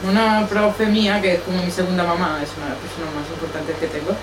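A woman's voice: fairly low pitch, level tone, quick pace. A young woman, sharing in a group circle, hesitant and searching, with many restarts. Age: young adult. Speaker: group participant. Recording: echoey room from far off, background noise.

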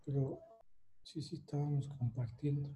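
High-pitched Mexican man lecturing. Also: flat delivery, normal speed, warm tone, slight background noise. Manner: explanatory, with many fillers and rhetorical tags. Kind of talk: online lecture.

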